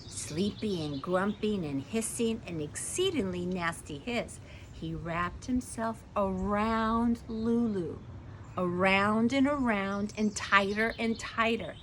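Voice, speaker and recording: A woman's voice: medium pitch, slow pace, a little hiss or hum. A woman reading a children's story aloud, playful, stretching dramatic words and asking the listener questions.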